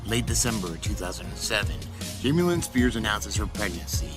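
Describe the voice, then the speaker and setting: A man's voice: lowish voice, animated, fairly quick. A man narrating a scripted commentary video, reading out dates and reports one after another. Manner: reads out dates and reports in order. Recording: clip with music playing behind.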